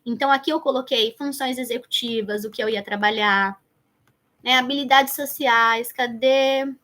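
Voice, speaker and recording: A woman's voice: on the high side, normal speed, pushed and bright. A Brazilian woman teaching an online lesson in a conversational way, addressing viewers directly and thinking aloud as she goes. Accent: Brazilian Portuguese. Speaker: educator teaching child development planning.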